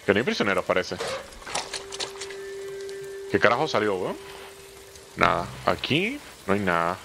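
A man giving slangy, animated let's play commentary and talking back to the game's characters. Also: low-pitched, a little slow, vocal fry, noisy background. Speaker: gameplay streamer. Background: game music.

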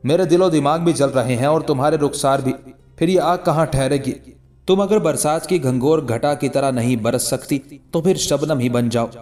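A man's voice: a little high, normal speed, a little mellow, soft background music, lightly acted. A man voicing a scheming king in a read-aloud historical story, persuasive with flowery, pleading speech.

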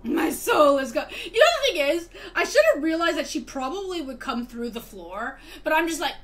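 A woman talks casually through a horror game, getting excitable and cursing when things jump out. Her voice sits fairly high and sounds bright and forceful. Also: brisk. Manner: excitable, jokey, swears when startled. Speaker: gameplay streamer. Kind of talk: casual horror gameplay commentary.

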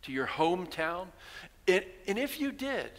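With a high voice and big swings in pitch, a sixty-something preacher delivers his sermon at a measured pace. He tells stories from the pulpit, quizzes the congregation rhetorically, and acts out townspeople's voices. The headset-miked sound carries the long reverb of a large church sanctuary.

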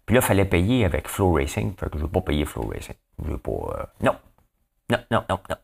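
A man's voice: deep voice, huge pitch swings, fairly quick, creaky, breathy edge. A man with a Québécois French accent doing casual, rambling commentary on the day's news, often talking straight to his viewers and asking them questions. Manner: rambling, talks to viewers, asks them questions, hums songs. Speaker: host of a daily news chat.

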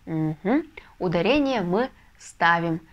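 A woman teaching a video lesson, explaining step by step with patient, soft confirmations. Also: lowish voice, lively intonation, takes it slowly, muffled recording. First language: Russian. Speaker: Spanish language teacher. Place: language school in a Russian city.

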